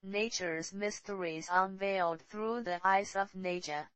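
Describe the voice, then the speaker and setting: A woman reads scripted nature documentary titles in deliberate, dramatic short phrases. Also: mid-range voice, fairly bright tone, dry recording, poor audio.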